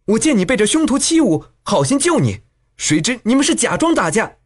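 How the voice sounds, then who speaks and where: A man's voice: high-pitched, huge pitch swings, brisk, husky, pitched above the performer's own voice, full character voice. A man voicing an earnest, indignant young swordswoman in an audiobook. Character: upright young woman swordfighter.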